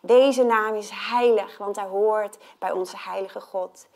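A woman giving a sermon, speaking earnestly and with emphasis, sometimes dropping to a hushed tone on key points. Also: mid-range voice, steady tone, slow. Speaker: preacher.

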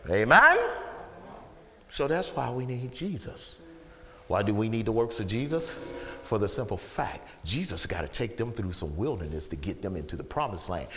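A middle-aged man preaching a sermon as pastor, dropping to low murmurs and then rising to shouted calls of "Amen?" in a folksy, informal way. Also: animated, normal speed. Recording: long hall reverb.

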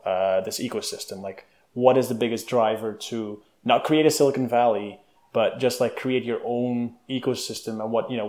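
A young man from Belgium, a guest in an interview, telling his story in a lively, casual way with many fillers. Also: mid-range voice.

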